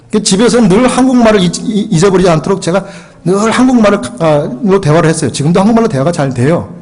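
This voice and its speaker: A man's voice: sits high, a little mellow, low-quality recording. A middle-aged man from Korea preaching as a pastor, telling a story and acting out the dialogue, sometimes switching into English phrases. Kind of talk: sermon storytelling.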